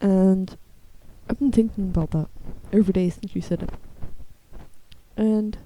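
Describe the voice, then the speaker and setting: A woman's voice: steady tone, measured pace, warm tone. A young woman in a casual, blunt, slangy ramble, her speech slightly lisped by the dental retainers she is wearing. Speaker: video creator. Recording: low-quality muffled microphone.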